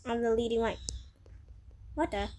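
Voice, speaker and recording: A woman giving casual gameplay commentary, talking to herself in an excitable, exclaiming way. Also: on the high side, normal speed, slight background noise. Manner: excitable, exclaiming and muttering to self. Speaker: gamer narrating gameplay.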